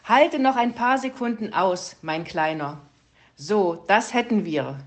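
Reading a storybook slowly and expressively in a mid-range voice, a woman gives voice to a fussy, scholarly male raven who croaks "Kra" to end his sentences.

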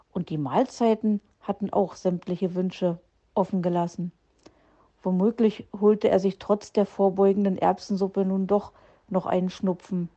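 Woman, storybook reading, expressive, mellow tone, slightly muffled recording. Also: mid-range voice.

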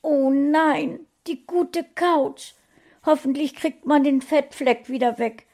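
Woman doing a shrill housewife yelling at the cat, storybook voice, high and loud. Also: animated, unhurried. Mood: shrill scolding. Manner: scolding, exclaiming. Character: shrill upset middle-aged housewife, cat owner.

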